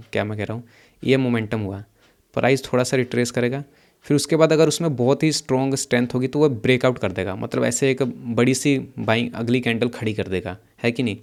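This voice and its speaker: Young male trader, casual screen-share walkthrough, quick and chatty, repeats himself, middle pitch. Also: a little mellow. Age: young adult. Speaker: options trader explaining his trades. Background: some background noise.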